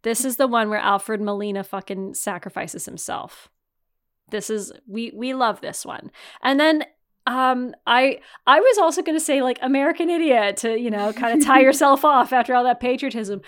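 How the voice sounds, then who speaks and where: A woman's voice: a little high, moderate pace, a bit bright, clear, resonant tone. A woman in her thirties hosting a podcast, talking casually and enthusiastically, with plenty of "like" and some swearing. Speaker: podcast host. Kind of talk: casual chat.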